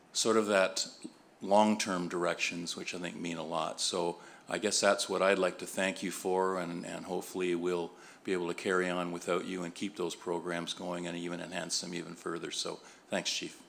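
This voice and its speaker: A man on a police board giving a measured tribute speech at a meeting, pausing often with fillers. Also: deep voice, gravelly, fairly bright tone, a little hiss or hum.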